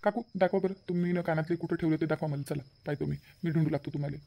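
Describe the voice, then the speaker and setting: A man's voice: on the high side, fairly even intonation, racing, creaky, mellow. A man voicing a kind young nephew in a cartoon, earnestly reassuring his aunt. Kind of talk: cartoon voice acting.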